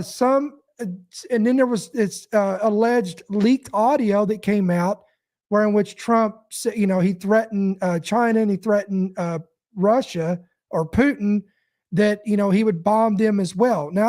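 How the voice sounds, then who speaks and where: A host asking long, halting interview questions, with many fillers and restarts. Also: medium pitch, darkish tone.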